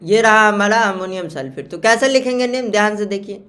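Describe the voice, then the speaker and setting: Male chemistry teacher, slow and repetitive. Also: sits high, bright, forceful tone. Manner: repeats key terms slowly, checks understanding with questions. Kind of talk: classroom lecture on naming salts.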